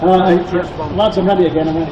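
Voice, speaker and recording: Male mock auctioneer, very high voice, repetitive calling patter, distant mic amid noisy crowd. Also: fairly even intonation, fast talker, roomy sound, long reverb tail, highs cut off. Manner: calling out bids loudly, repeating phrases. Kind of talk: satirical street auction patter. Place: public event before a crowd.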